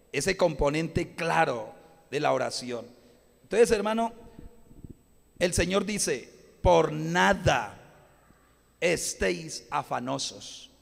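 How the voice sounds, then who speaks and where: A man preaching a live sermon, impassioned, swinging from shouts to quiet asides, in a church. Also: a little high, gravelly. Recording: live church audio with long reverb.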